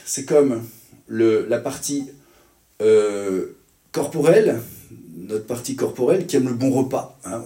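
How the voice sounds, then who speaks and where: A man's voice: medium pitch, dark tone, reverberant. A man giving a teaching sermon, in a conversational way, often checking in with his listeners with little tags and questions. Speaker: preacher.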